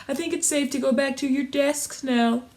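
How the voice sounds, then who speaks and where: A woman performs a patient female pig who teaches school in a children's storybook, explaining things calmly, measuredly and reassuringly. Her voice sits high and is pushed upward, though it stays close to how she'd normally talk.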